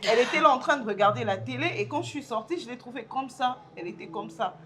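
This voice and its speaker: A woman's voice: a little high, expressive, fast, sharp tone, slight background noise. A young woman with a Congolese French accent playing an anxious, protective older sister who pleads and repeats herself. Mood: shaken, hushed.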